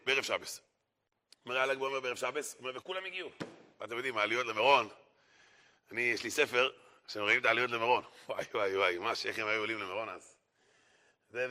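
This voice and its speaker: A man's voice: fairly high pitch, sharp tone. A man giving a storytelling sermon, stressing points by repeating phrases emphatically. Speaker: preacher.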